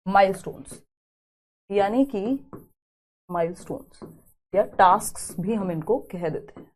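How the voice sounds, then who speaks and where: A woman's voice: medium pitch, normal speed. A woman teacher giving an exam-prep lecture. She explains through rhetorical questions and frequent tag questions, mixing English terms into her talk and dictating notes.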